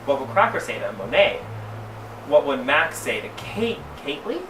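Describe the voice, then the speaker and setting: A man with a sassy drag queen delivery, reading fan fiction aloud comedically, with theatrical drawn-out emphasis and mock-scandalized asides. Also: mid-range voice, very animated. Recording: roomy, distant mic, clearly noisy background.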